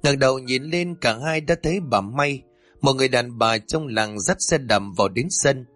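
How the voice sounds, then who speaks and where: A man's voice: mid-range voice, moderate pace, fairly bright tone, no room sound, faint music behind. A man narrating a scripted village tale in a dramatic, vivid way. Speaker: storyteller. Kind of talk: scripted horror story narration.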